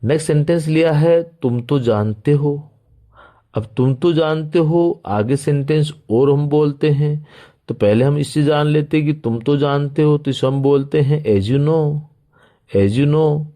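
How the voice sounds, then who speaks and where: A man teaching spoken English, speaking deliberately and repeating each example sentence. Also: a little high, warm tone.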